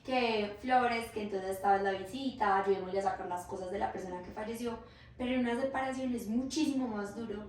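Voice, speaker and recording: A woman's voice: medium pitch, brisk, darkish tone. A woman psychologist, explaining her ideas patiently in a podcast conversation and often checking in with the listener. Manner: explains patiently, acts out quoted reactions, often asks "¿cierto?". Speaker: psychologist guest. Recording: roomy echo, mic at a distance, faint hiss.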